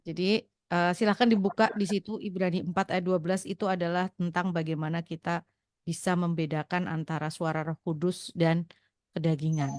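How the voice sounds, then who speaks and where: Low-voiced woman radio host, dry studio. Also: steady tone, fairly quick, a little mellow, no echo. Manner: reads listener questions, brief affirming replies.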